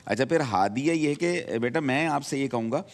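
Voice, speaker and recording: A man's voice: medium pitch, lively intonation, long reverb tail. A man judging a student debate, giving fatherly, direct feedback to the young speakers. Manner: fatherly, calls students "beta", gentle but direct. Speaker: debate judge. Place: TV studio.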